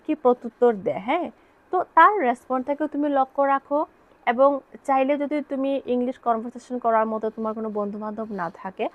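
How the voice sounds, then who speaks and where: A woman teaching spoken English in Bengali, with a Bengali accent, explaining patiently and reading English phrases out slowly. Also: on the high side. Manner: patient, repetitive explanations, checks in with "ঠিক আছে?".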